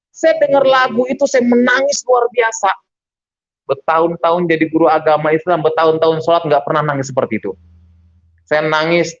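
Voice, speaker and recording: A middle-aged man, a pastor giving a testimony sermon and acting out the dialogue in his stories. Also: fairly high pitch. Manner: animated storyteller acting out dialogue. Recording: dull lo-fi recording.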